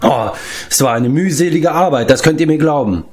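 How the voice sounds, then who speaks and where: A whiny male giant moans through his woes in a storybook reading, as a man puts him on. The voice sits high and lifts and falls across a wide range. He complains plaintively, begging for pity. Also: animated, fairly quick, a little mellow, close to an everyday voice. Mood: self-pitying. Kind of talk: audiobook character reading.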